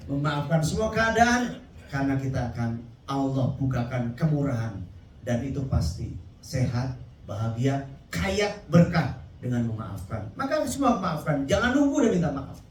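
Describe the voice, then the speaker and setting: A man preaching a sermon to a live crowd, emphatic, with his voice rising high when he calls out to the audience. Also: animated, moderate pace, echoey room, far from the mic, a little hiss or hum, low-quality recording. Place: event hall.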